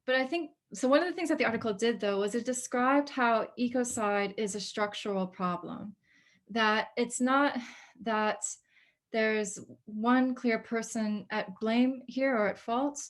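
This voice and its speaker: A young woman moderates an academic discussion, thoughtful and hesitant, with frequent ums and restarts. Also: medium pitch.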